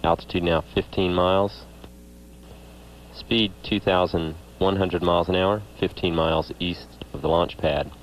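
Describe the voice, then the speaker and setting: A man with a very deep voice delivers measured spaceflight commentary from mission control. His reporting is factual, over a faintly noisy feed. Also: fairly even intonation. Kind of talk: flight commentary.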